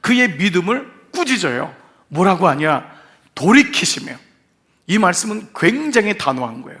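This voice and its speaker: A man preaching a revival sermon as senior pastor in a church, lively and dramatic, acting out the lines of the people he quotes. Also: sits high, normal speed. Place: church sanctuary.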